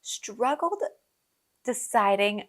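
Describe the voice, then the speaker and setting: A woman's voice: on the high side, lively intonation, very slow. Chatty young woman telling travel stories. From born in Colombia, raised in the US. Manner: chatty, many fillers, laughs often, acts out her own reactions. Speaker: travel podcast host. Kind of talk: casual storytelling chat.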